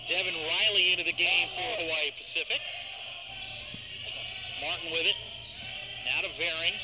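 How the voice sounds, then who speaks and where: A man in his forties calling live basketball play-by-play with rapid, excited calls of each play, in an arena. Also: fairly high pitch, music in the background, rough recording. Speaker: play-by-play commentator. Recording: loud arena crowd noise behind.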